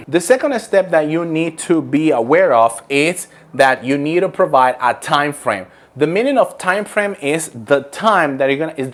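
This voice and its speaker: Emphatic man teaching, higher-pitched voice. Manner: emphatic, step-by-step teaching with repetition. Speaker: call center English coach. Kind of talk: instructional talk to viewers.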